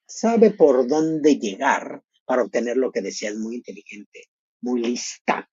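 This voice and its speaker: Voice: mid-range voice, a little slow, slightly rough, no room sound, highs cut off. Chatty middle-aged pageant host. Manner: expressive, chatty, addresses viewers directly. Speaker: live stream host. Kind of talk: live pageant commentary, reading chat.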